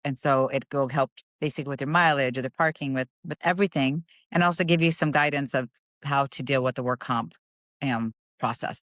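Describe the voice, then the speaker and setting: A middle-aged woman, a retired police officer from Southern California, telling personal stories as a guest in a conversational interview, animated and acting out voices. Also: very deep voice, a little fast, no room sound. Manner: animated storytelling, acts out voices.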